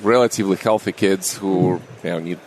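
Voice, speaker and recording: Deep-voiced man, unhurried. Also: darkish tone, slight background noise. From Russia. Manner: unhurried, friendly, with small grammar slips. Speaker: anesthesiologist guest. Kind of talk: casual interview conversation.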